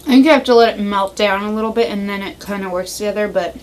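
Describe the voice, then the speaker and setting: A chatty woman hosting a casual snack taste-test, giving blunt opinions at a middling pitch. There is a faint hiss behind her voice. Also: fast. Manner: chatty, blunt reactions, frequent laughs. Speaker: vlog host.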